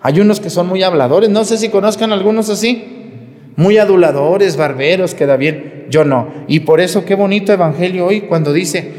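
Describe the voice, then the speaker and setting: A priest preaching a blunt, conversational homily at Sunday Mass, now and then mimicking flatterers in high voices. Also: male voice, normal speed. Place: church. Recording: echoey church with long reverb.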